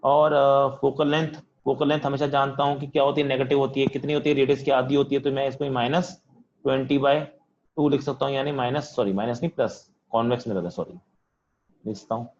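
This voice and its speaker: A physics teacher speaking, leading an online class in a loud voice that he says is straining from all the shouting. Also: mid-range voice, fairly even intonation, a little fast, dull audio, slight background noise. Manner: talks loudly to students, says he is shouting. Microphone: computer mic on video call.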